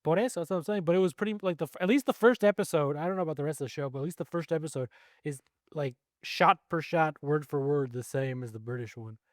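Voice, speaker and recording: Guy rambling on a podcast, keeps restarting his sentences, kinda high voice. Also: fast talker, no room sound, studio quality. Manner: rambling, self-correcting, swears casually. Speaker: podcast co-host. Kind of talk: casual chat.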